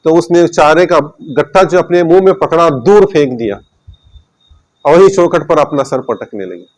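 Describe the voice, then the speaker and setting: A male preacher with a somewhat high voice tells devotional stories in a daily sermon. He speaks with feeling, repeats key phrases, and sinks low and quiet at the sad parts. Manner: emotive retelling with repeated phrases.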